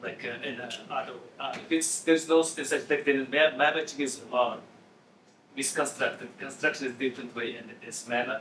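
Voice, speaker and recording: In an echoey lecture hall, a conference discussant is heard from a distance during an academic Q&A discussion, with faint background noise. His voice is mid-range, a bit bright, with fairly even intonation, and he halts and restarts often while explaining word forms.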